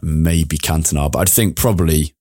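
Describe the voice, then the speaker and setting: A man hosting a casual football podcast, talking in a relaxed, rambling way with frequent restarts. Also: very deep voice, normal speed, no echo, clean studio sound. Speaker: podcast host. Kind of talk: casual chat.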